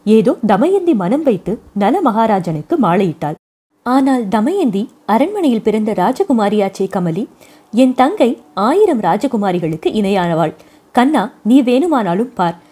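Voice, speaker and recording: A woman voicing a spirited young wife in a storybook reading, speaking in an animated way. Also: fairly high pitch, a little slow, slightly rough, exaggerated voice. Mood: proud. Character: young wife, spirited and proud of her sister.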